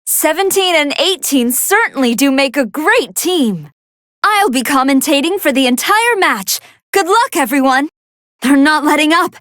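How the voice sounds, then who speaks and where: High-pitched, polite android scientist commentator Android 21. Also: female voice, no room sound, studio quality. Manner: formal, precise, earnest, expressive. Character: polite, soft-hearted female android scientist commentating fights. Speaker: match commentator. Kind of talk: scripted video game fight commentary.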